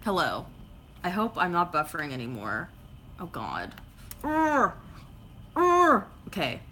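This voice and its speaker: Reading her live chat in a rambling, casual way, a woman in her twenties streams from home with lots of fillers and silly sound effects. Her lowish voice swoops wildly in pitch, slow, bright and forceful, with slight background noise.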